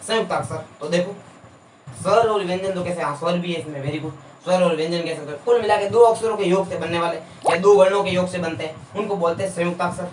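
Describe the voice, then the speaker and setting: High-voiced male teacher drilling a class. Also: slight background noise. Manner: drills students with repeated questions and answers. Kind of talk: classroom lecture. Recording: echoey room, voice from a distance.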